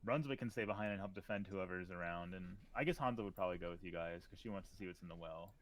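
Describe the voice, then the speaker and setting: Fast-talking low-voiced male player. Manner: quick, loose, swears and laughs easily. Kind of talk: casual chat during a tabletop game.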